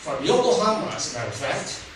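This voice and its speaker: In a fairly high voice with big pitch swings, an older man from Taiwan talks fast as he recounts his life in a funny public speech, chuckling at his own jokes. Taiwanese is his first language. The audio is noisy and distant, taken in a large, echoing hall.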